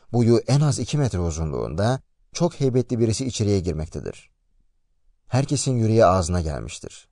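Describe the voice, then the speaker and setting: A man retelling a story aloud in a lively, expressive way. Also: on the low side, no room sound, clean studio sound. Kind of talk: narrated story summary.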